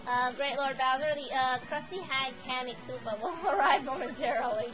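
A woman's voice: sits high, moderate pace, music in the background, close to an everyday voice, poor audio. A woman voicing a nervous, gossipy male turtle minion who speaks apologetically.

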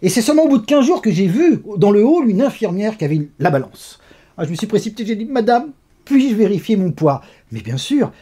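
Guy from france telling stories in an interview, real dark voice, kinda husky. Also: high voice, fast. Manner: animated storyteller, lively asides. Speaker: interview guest. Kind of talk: conversational interview.

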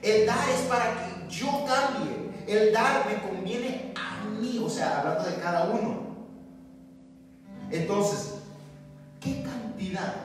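A male pastor, preaching a sermon and telling stories in an animated way, mixing in English words. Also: high-pitched. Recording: echoey church hall, distant mic, music behind.

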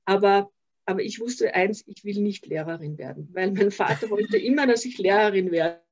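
A woman's voice: medium pitch, normal speed. Older Austrian woman, hesitant and reflective. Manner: reflective, hesitant with many fillers and restarts. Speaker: interview guest, social worker. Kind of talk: conversational interview. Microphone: video call. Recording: slightly dull video call audio.

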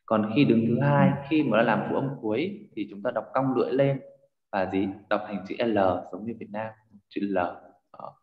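A man's voice: on the low side, moderate pace, reverberant, long reverb tail, phone-quality sound. A male language teacher explaining pronunciation and quizzing a student, often adding tag questions. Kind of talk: online language lesson.

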